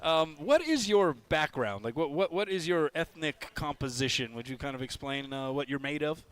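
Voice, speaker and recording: A man's voice: a little high, lively intonation, normal speed, a bit bright, smooth. A man hosting a sports radio show, asking interview questions in a friendly way, often leading with "uh" or "um". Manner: friendly, filler-led questions. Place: restaurant livestream.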